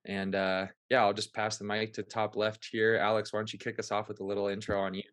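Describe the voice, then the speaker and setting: A man hosting a webinar panel, relaxed and easygoing, with lots of ums. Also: fairly low pitch, fairly quick. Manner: relaxed, easygoing, filler-heavy. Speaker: webinar host. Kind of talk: casual hosting. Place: remote webinar call. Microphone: video call.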